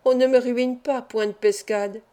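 A woman reading an audiobook, voicing a kind, serious middle-aged male doctor who speaks calmly and in a measured way. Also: fairly high pitch, lightly acted. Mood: confident.

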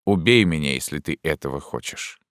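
A man voicing a noble captive man who speaks quietly with sorrow and resignation. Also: very deep voice, lively intonation, fairly quick, no echo, studio quality. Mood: resigned.

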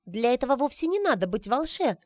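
Reader voicing an eager, touchy young woman, pitched up and lively. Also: a little fast, no room sound, clean studio sound. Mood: indignant. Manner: eager, indignant.

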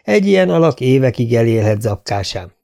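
A man's voice: medium pitch, big pitch swings, creaky, warm tone. A man reading the lines of an arrogant young prince in a fantasy audiobook, taunting and cruel. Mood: mocking.

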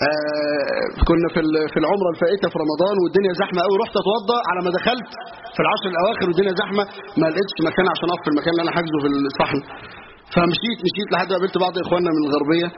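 A religious teacher with an Egyptian Arabic accent gives a lively, colloquial lesson in a high-pitched, racing voice, telling stories with asides and rhetorical questions. The recording is muffled, with a steady hiss.

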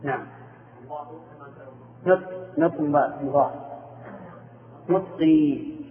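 In an Arabic grammar class, a male teacher quizzes his students and confirms their answers with short replies. His voice is a little high and he draws out his words, while the recording sounds echoey and narrow, like a phone.

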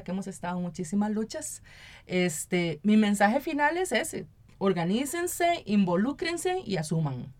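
The interview guest is an activist and city council member, an earnest woman with a Costa Rican accent and a mid-range, darkish voice. Her conversational style leans on tag questions to draw agreement.

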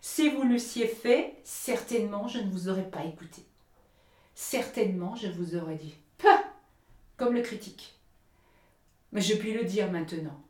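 A woman's voice: medium pitch, very animated, moderate pace, hardly any pauses, warm tone, close to an everyday voice. A woman voicing a grumpy, self-important male water rat who speaks in an indignant, huffy way, in a storybook reading. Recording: roomy echo.

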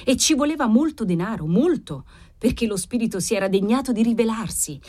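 A woman's voice: a little high, expressive, fairly quick, darkish tone. Woman reading a classic novel aloud. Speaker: audiobook reader. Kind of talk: literary audiobook narration.

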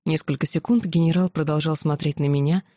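Audiobook reader, mellow warm tone, steady first-person narration, dry close sound. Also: medium pitch, no echo. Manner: even, measured reading.

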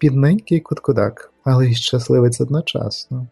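A man's voice: mid-range voice, moderate pace, gravelly, a little mellow, breathy edge, no room sound, clean studio sound, soft background music. A man voicing a teasing, regal middle-aged queen in an audiobook.

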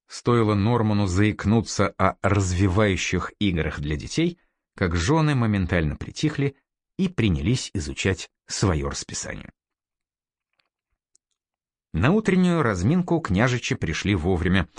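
A man narrating a historical novel as an audiobook, with expressive storytelling delivery. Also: fairly low pitch, no room sound, studio quality.

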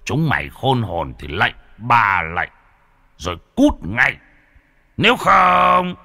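A man voicing an old ghost shaman grandfather, gruff and commanding, in a ghost story. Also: medium pitch, very animated, slow, bright, forceful tone, dry recording, exaggerated voice. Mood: threatening. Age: older.

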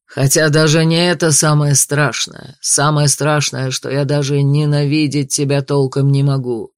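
A man's voice: on the high side, little pitch movement, a little slow, clear, resonant tone, no echo, clean studio sound, natural voice. A man voicing a young betrothed nobleman who speaks with restrained, bitter anger in an audiobook. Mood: angry. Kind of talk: audiobook dialogue reading.

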